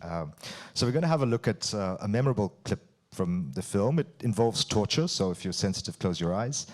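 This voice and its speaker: A man with a fairly low voice hosts a conversation as interviewer. His intonation is very lively, and he phrases prepared questions deliberately and articulately. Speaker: interviewer hosting an on-stage conversation.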